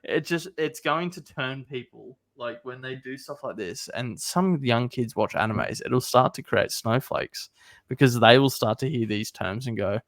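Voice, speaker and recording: Gravelly-voiced man telling a story. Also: medium pitch, a little slow, fairly bright tone, dry recording. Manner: storytelling, acts out quotes. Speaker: podcast co-host. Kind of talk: casual podcast chat.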